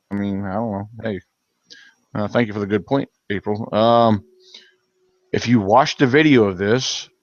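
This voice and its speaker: A man's voice: fairly low pitch, dry recording, dull audio. A man hosting a live stream, reading viewer comments aloud and giving blunt, heated opinions, with many fillers and restarts. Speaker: channel host reading live chat.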